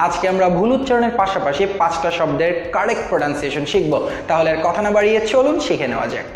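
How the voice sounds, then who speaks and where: A man's voice: sits high, very animated, rapid-fire. A man with a Bangladeshi accent teaching English pronunciation, repeating each word over and over and mixing English into his Bengali. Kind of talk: spoken language lesson. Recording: echoey room with long reverb, faint music.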